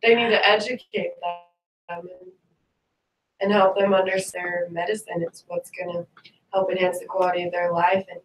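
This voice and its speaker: A woman's voice: on the low side, flat delivery, moderate pace. A young woman, a student, talking casually in a group discussion, with lots of fillers and mocking asides. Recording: echoey room, recorded from a distance.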